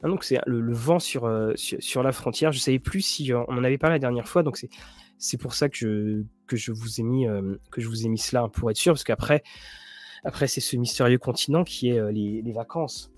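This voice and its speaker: A man's voice: medium pitch, fairly quick, dry recording, soft background music. A man hosting a casual show about role-playing games and series, rambling with many restarts and fillers. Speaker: tabletop RPG and series show host. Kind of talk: casual chat to viewers.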